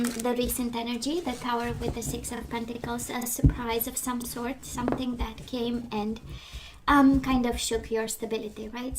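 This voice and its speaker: A woman giving a casual tarot reading, losing her voice and talking with many hesitations and restarts. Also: on the high side. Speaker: tarot reader. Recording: noticeable background noise.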